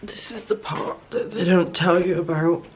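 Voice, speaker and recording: A woman's voice: fairly low pitch, moderate pace, darkish tone, faint music behind. A young woman talking candidly to camera in a casual vlog, emotional and chatty. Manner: chatty, emotional and candid, close to tears at times. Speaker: vlogger.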